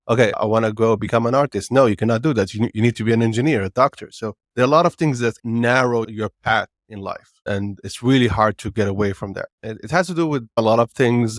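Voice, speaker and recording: A man's voice: on the low side, dry recording, studio quality. A man from Morocco, a podcast guest, talking casually and candidly in a loose, rambling, reflective way. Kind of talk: casual interview talk.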